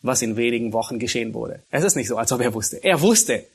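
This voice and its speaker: Husky-voiced man preaching a sermon. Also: medium pitch, lively intonation. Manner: reads scripture slowly with emphatic swells, stumbles and repeats words. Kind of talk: expository sermon.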